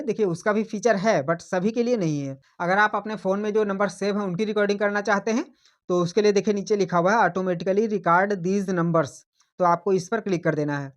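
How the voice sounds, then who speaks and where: This high-voiced tech tutorial host guides viewers through phone settings one step at a time, with patience. Repetition runs through his delivery, and he points things out constantly.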